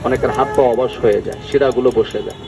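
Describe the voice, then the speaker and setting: An older man giving a folksy street sales pitch as a herbal oil vendor, often addressing listeners familiarly. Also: steady tone, quick pace, creaky, music in the background. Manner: folksy, repeatedly addresses listeners as uncle and brother. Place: outdoors on a busy street. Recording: noisy outdoor street with traffic.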